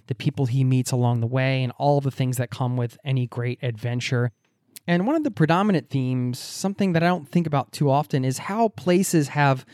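American man, podcast host, reflective, animated, dry close sound. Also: mid-range voice, dry recording. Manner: reflective, animated storytelling with laughs. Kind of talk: podcast interview.

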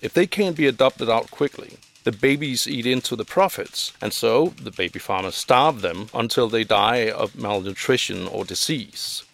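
An actor playing a serious police reporter in a period drama, measured and courteous. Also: male voice, mid-range voice, expressive, vocal fry, a bit bright. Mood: grave.

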